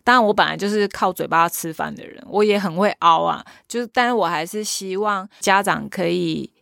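Brief: Taiwanese-accented woman, troupe leader, gravelly fry in her voice, lively anecdote-teller, dry close mic. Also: lowish voice, fairly quick, dry recording. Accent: Taiwanese Mandarin. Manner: chatty, animated retelling with quoted dialogue. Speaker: guest, leader of a children's theater troupe. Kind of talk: casual interview talk, storytelling.

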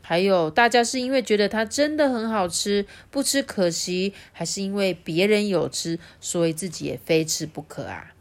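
A woman voicing a calm, thoughtful young male cat in a storybook reading, gentle and reasoning. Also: medium pitch, normal speed, hardly any pauses, close to an everyday voice.

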